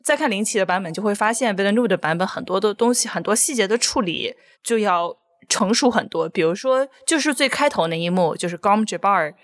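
Animated woman retelling film scenes. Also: medium pitch, a little fast, few pauses. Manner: animated storytelling, acts out scenes with sound words. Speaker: podcast co-host. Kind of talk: casual film discussion.

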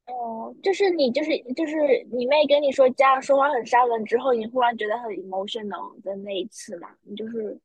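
A woman's voice: a little high, slightly rough, no room sound, low-quality recording. A woman co-hosting a casual podcast chat while driving home, reacting with teasing comments. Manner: reactive, teasing, quick to interject. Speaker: podcast co-host.

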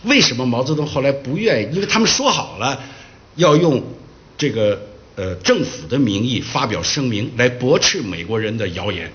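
A man giving a public history lecture, telling the story in a lively way and acting out the quoted dialogue. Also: medium pitch, normal speed, muffled recording.

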